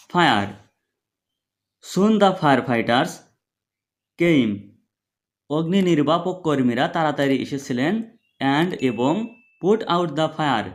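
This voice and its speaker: A male tutor with a slightly raised voice, talking very slowly and spelling English words out letter by letter. He repeats each syllable and explains its meaning in Bengali, patient and methodical. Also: on the high side. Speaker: English teacher. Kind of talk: spelling and translating an English text.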